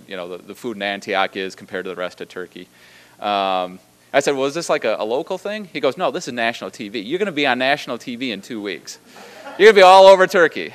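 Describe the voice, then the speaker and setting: A man, a theology professor, giving a lively storytelling lecture with a conversational, animated manner and frequent asides. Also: mid-range voice, clear, resonant tone.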